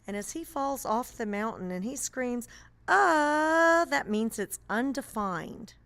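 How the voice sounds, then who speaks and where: A woman's voice: a little high, unhurried, slight background noise. A woman math teacher narrating a screencast lesson, explaining step by step in a patient way with playful memory tricks.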